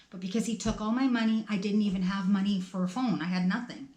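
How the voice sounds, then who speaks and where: Animated woman telling a story in a roomy echo. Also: mid-range voice. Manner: animated, laughs between lines, acts out her own thoughts. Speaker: storytime vlogger. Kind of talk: casual storytelling.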